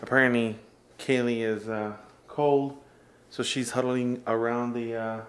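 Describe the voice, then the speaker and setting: A man vlogging with a loose, joking manner, talking straight to his viewers as burgers sizzle on a grill nearby. His pitch sits in the middle for a man, and his tone is easygoing and chatty. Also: level tone, a little slow. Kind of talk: casual vlog chat. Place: cabin deck and indoors by a fire, in the cold.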